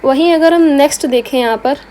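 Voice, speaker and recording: A woman with a high-pitched voice teaches biology in a lecture, mixing in terms. She keeps asking rhetorical questions and answering them herself. A faint hiss sits under the recording. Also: a little fast, dark tone. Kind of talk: explanatory lecture.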